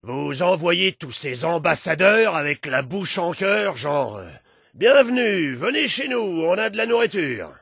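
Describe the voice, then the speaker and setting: An actor playing a menacing, foul-mouthed raider leader in a video game, sneering and sarcastic, with a raspy, gravelly voice. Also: male voice, high-pitched, sing-song, unhurried, a bit bright, no echo, studio quality, heavily acted. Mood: mocking, hostile.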